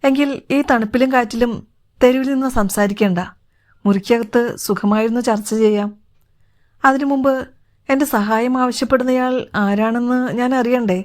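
A woman voicing a confident male detective in an audiobook, speaking in a measured, self-assured way. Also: a little high, steady tone, lightly acted. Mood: composed.

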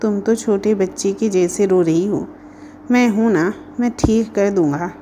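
A woman's voice: medium pitch, measured pace, mellow, a little hiss or hum, natural voice. A woman reading as Harshit, a kind young boy. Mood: reassuring.

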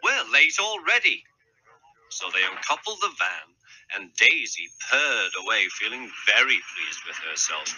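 Slow, lively male storybook narrator. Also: sits low, background noise.

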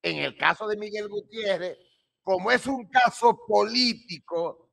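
A man explains things in a deliberate, emphatic way. His voice sits high for a man and has a strong gravelly fry. He speaks into a close studio mic. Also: animated, a bit bright. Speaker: guest crime analyst. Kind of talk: emphatic studio interview analysis. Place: home office with shelves and flags. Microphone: studio mic on boom arm.

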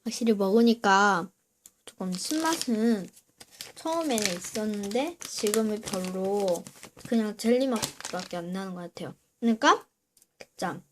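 A woman's voice: medium pitch, moderate pace, slight background noise. A woman hosting a casual eating video, chatting to viewers between bites of sour candy. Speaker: mukbang video host.

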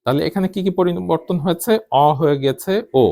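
A man teaching a Bengali pronunciation lesson, sounding out words slowly syllable by syllable. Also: sits high, gravelly, dark tone. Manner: slow, deliberate syllable-by-syllable explanation.

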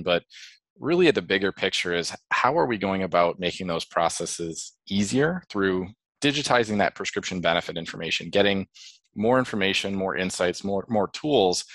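Low-voiced man presenting a webinar. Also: no room sound, rough recording. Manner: explanatory, steady, with fillers and restarts.

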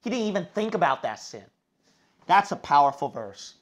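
A man's voice: fairly high pitch, sing-song, moderate pace, fairly bright tone. Emphatic male preacher. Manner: emphatic, fires rhetorical questions at listeners; reads scripture aloud in King James wording. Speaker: Bible preacher. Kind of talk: sermon.

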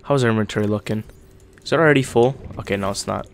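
A fast-talking young gaming host with a voice on the low side delivers casual let's-play commentary. He's getting over an illness, which leaves him slightly congested, and he has a swollen lip.

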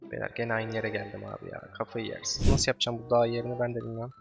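A man hosting a let's play, coaching himself in repeated murmured words, then bursting into yells and curses. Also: medium pitch, level tone, fast talker, vocal fry, music in the background. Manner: sudden yelling and cursing outbursts. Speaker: gaming channel host.

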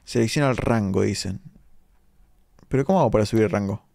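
A man's voice: lowish voice, vocal fry, a little mellow, no echo, studio quality. A young Argentine man with a Rioplatense accent, streaming a game late at night and chatting with viewers as he reads out their comments. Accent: Rioplatense Argentine Spanish. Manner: chatty, reads chat comments aloud, quick asides. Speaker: live-streaming gamer. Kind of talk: casual live-stream commentary reading chat.

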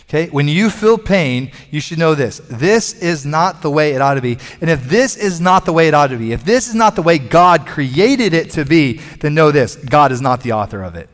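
A man's voice: a little high, expressive, moderate pace, few pauses. A middle-aged man preaching a sermon from a church stage on a headset mic, with emphatic, repetitive phrasing that builds in force. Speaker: pastor. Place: large church stage, indoors. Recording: long hall reverb.

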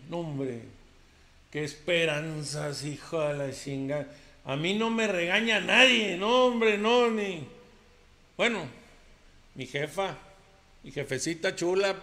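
Guy putting on a loud macho mexican ranch dude, high gravelly voice, all blustering denials, reverb-y room. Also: exaggerated voice. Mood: henpecked. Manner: blustering, defensive, rambling denials. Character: boastful macho ranchero man, henpecked. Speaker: comedian.

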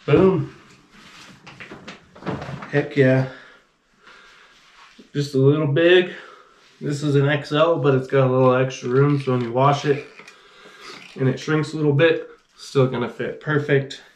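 A man's voice: medium pitch, fairly even intonation, unhurried, long pauses, roomy sound, a little hiss or hum. A man in his thirties hosting a casual fishing unboxing vlog, talking in a laid-back, rambling way. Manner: laid-back, rambling, says "freaking" a lot. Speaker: fishing channel host. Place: small indoor gear room.

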